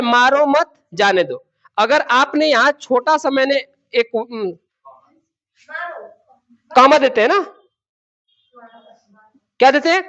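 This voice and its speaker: A man's voice: very high-pitched, bright, forceful tone. A male teacher gives a classroom grammar lesson, asking the class questions and repeating key words. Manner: addresses students as babu and beta. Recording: dull lo-fi sound.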